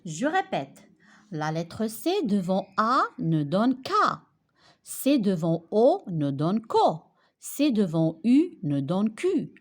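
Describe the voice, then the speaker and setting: A woman's voice: medium pitch, big pitch swings, takes it slowly. A woman teaching a French phonics lesson, explaining spelling rules patiently and checking understanding with repeated questions.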